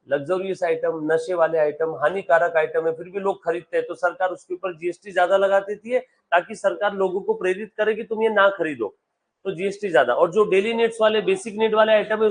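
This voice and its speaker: Male commerce teacher, high voice, live classroom, quizzes students often. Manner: quizzes students, calls them beta; reads English text slowly, explains in Hindi. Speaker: accountancy teacher.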